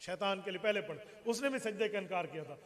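A man's voice: high voice, quick pace. A man preaching a sermon in a mosque. He talks emphatically and keeps firing rhetorical questions at the congregation. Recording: long reverb of a large prayer hall.

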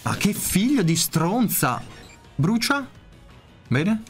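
A man talks through his own game play in a slow, loose way. His voice leaps all over the place, jumping to high yelps and curses when things go wrong. Faint game music plays underneath. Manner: excitable, swears often, yelps in sudden high outbursts. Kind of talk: casual let's-play commentary.

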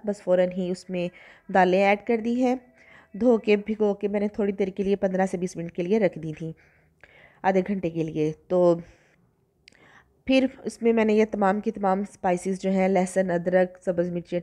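Warm-voiced woman explaining a recipe. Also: medium pitch. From Pakistan. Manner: chatty step-by-step explaining, polite address to viewers. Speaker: cooking channel host. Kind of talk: recipe voice-over.

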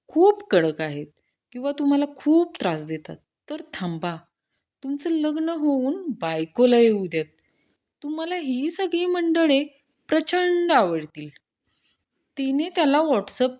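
A woman's voice: a little high, a little mellow. A woman reading a string of short jokes aloud, naming each speaker before the line. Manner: reads each joke in turn, naming the speakers before their lines. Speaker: joke reader.

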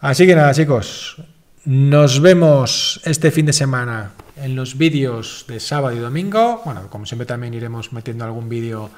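A man's voice: medium pitch, animated, moderate pace, darkish tone. Rambling man hosting live Q&A. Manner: rambling, self-correcting, informal. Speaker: livestream host answering viewer questions. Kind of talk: casual live Q&A.

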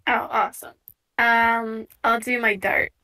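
Bright, chirpy woman player. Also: fairly high pitch, level tone, unhurried, faint music behind. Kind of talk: casual tabletop play.

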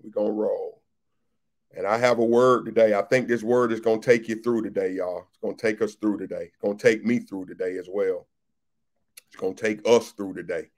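A man's voice: on the low side, steady tone, brisk, darkish tone. A man who is a pastor, hosting a casual livestream chat, reading out viewer comments and greeting people by name, often repeating his phrases.

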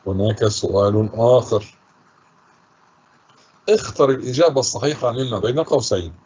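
Brief: Egyptian male teacher for a children's grammar lesson, husky voice, patient and deliberate, dull lo-fi recording. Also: medium pitch, darkish tone. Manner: patient, reads example sentences slowly and repeats them.

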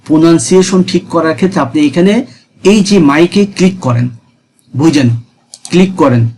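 A man talks through a screen tutorial in a chatty, repetitive way, checking in with his viewers. His voice sits high for a man. Faint background noise hums under the recording. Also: expressive, fairly quick, a little mellow. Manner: chatty, repeats himself, asks viewers "ঠিক আছে?". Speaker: freelancing tutor.

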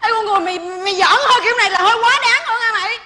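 A woman's voice: extremely high pitch, sharp tone, a little hiss or hum. A woman playing an outspoken young vendor who angrily accuses her friend in a comedy skit. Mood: indignant. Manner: accusing, rapid-fire scolding. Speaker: skit actor. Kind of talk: Vietnamese comedy skit acting. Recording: recorded with a crowd behind.

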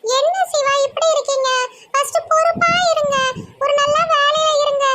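A woman with a Tirunelveli accent voicing a prim young woman office worker who lectures in a stern but soft way. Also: extremely high pitch, fairly even intonation, normal speed, a little hiss or hum, pitched above the performer's own voice. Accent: Tirunelveli Tamil.

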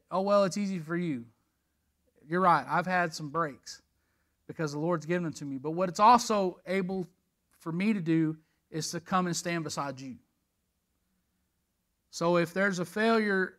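A middle-aged man preaches a church lesson in a high, bright voice. He speaks earnestly and emotionally, telling personal stories and often restarting his sentences. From Texas. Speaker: church leader giving a lesson.

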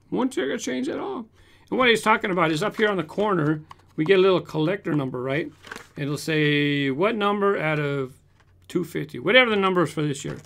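Here a man in his fifties from Southern California, host of a toy car collector channel, answers viewer comments with a high voice touched by vocal fry. Animated and casual, he uses his hands and displays toy cars. A large condenser mic sits on his desk in a home room whose shelves hold toy cars.

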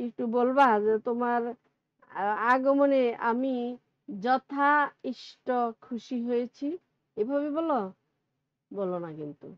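A woman's voice: fairly high pitch, no echo. A woman teacher with a Bangladeshi Bengali accent, giving a recorded grammar lesson and explaining step by step with questions to her students. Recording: dull lo-fi recording.

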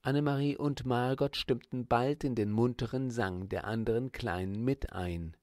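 A man reading a children's storybook aloud as audiobook narrator, in a calm, measured manner. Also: medium pitch, no room sound, clean studio sound.

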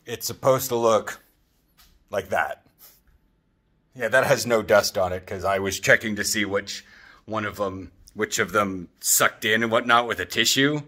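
In the open-plan living room and kitchen of an apartment, a man in his thirties films a rambling vlog on a phone held at arm's length. He's animated and full of jokes, acting out quotes, with a lowish voice and a slightly slow pace.

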